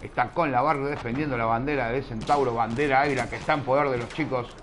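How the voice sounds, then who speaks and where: A man with a Rioplatense Spanish accent casts a live online shooter tournament at a quick clip, his medium-pitched voice steady over background music. Chatty and teasing, he scolds his chat using playful slang.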